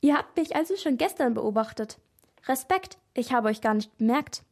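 Woman reading a stern older policeman, formal, firm, high voice, children's story. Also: expressive, normal speed, darkish tone. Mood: explaining.

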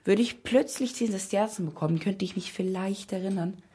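A cunning boy of about twelve, as a woman reading a story puts him on, sly and always bargaining for more coins. He talks quickly and a little quieter than the narration, close to the reader's own voice. A storybook character. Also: medium pitch, husky, lightly acted.

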